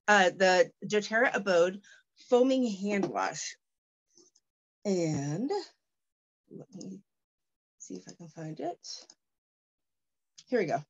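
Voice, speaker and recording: A woman giving a casual product unboxing, talking in a chatty, rambling way with many fillers and restarts, sometimes reading product copy aloud haltingly. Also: medium pitch. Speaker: product reviewer.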